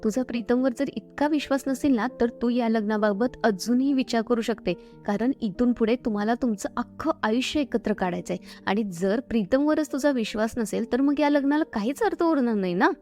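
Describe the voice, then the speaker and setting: A woman's voice: on the high side, brisk, hardly any pauses, dark tone, soft background music, natural voice. A woman voicing a stern, commanding older mother-in-law who questions and lectures.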